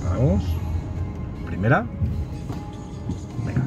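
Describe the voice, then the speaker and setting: A man's voice: medium pitch, wildly swooping pitch, takes it slowly. A man from Spain, a driving instructor with his mouth burning from spicy food, chatting casually and jokily with frequent tag questions while giving directions. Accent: Spanish, from Spain. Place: inside a car on the road. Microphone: camera on dashboard, voice behind face mask. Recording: dull sound inside car, loud music.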